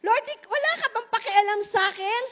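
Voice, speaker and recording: A woman's voice: very high-pitched, fairly quick, pitched above the performer's own voice. A woman preacher acting out a complaining man trapped inside a fish, pleading and whiny, in a muffled recording. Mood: whining.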